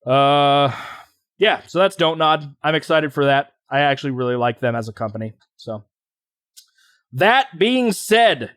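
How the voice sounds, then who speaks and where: A man's voice: mid-range voice, steady tone, moderate pace, a bit bright, clear, resonant tone, dry recording. Male podcast co-host, mid-range voice, rambling casual delivery, dry close sound. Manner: rambling, hesitant, many fillers and restarts.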